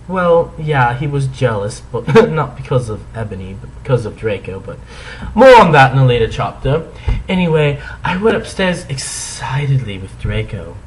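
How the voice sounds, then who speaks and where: A man's voice: mid-range voice, a little hiss or hum, poor audio. A man giving a comic dramatic reading, theatrical in delivery, with sarcastic asides as he comments on the text. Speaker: reader and commentator.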